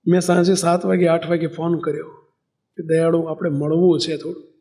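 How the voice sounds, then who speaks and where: A male preacher tells a story during a sermon and acts out the voices in it. His voice sits high and has a gravelly rasp. He narrates steadily. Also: little pitch movement, normal speed, mellow. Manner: storytelling, acting out dialogue. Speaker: spiritual teacher.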